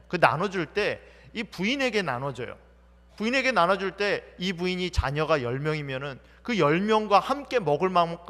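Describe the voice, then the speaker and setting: With a high-pitched, fairly bright voice, this male pastor preaches in a reverberant church sanctuary. He asks his congregation questions, supplies the answers himself, and voices the people in the story as he quotes them.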